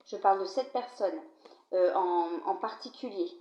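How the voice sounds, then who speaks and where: A card reader with a cold, coughing at times, does a tarot-style reading to camera, addressing the viewer directly in a chatty way and frequently checking in with "d'accord?". Her voice is mellow and moderately paced, in a low-volume, dull, roomy home recording.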